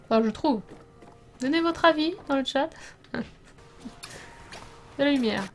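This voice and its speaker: A young woman streaming a game, chatting casually with her viewers, laughing often and sometimes breaking into loud startled outbursts. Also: high voice, a little slow, soft background music. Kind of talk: casual let's play commentary.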